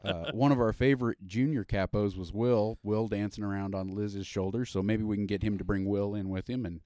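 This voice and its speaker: A man's voice: fairly low pitch, fairly even intonation, brisk, warm tone, no echo, studio quality. A man hosting a casual podcast, rambling with fillers and restarts. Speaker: podcast host.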